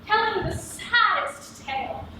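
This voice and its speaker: A woman's voice: very high voice, lively intonation, takes it slowly, full character voice. A woman playing a mischievous, merry sprite, telling tales playfully in theatrical Shakespearean stage style. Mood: gleeful mischief. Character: mischievous, merry trickster sprite boasting of pranks. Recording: distant echoey stage capture with clear noise.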